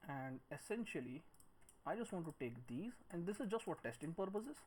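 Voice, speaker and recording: His voice is a little high and darkish, with a sing-song lilt at a normal speed, as he walks through a casual 3D modelling screen recording step by step. He mutters counts and shortcuts under his breath while keyboard and mouse clicks sound over clear background noise.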